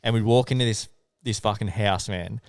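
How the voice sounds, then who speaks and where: A young man with an Australian accent tells stories on a podcast in a loose, sweary way. His voice sits low and sounds clean and smooth, recorded dry and close. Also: normal speed, no echo. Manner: laid-back, swears often, animated when telling stories. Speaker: podcast co-host. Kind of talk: casual storytelling chat.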